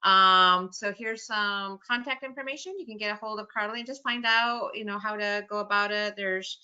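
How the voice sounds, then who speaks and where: A woman with a bright, crisp voice hosts a webinar in an enthusiastic, chatty way and laughs easily. The audio is dull and lo-fi, as if it came through a video call. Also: medium pitch, steady tone, normal speed. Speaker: webinar host. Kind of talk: hosted webinar conversation.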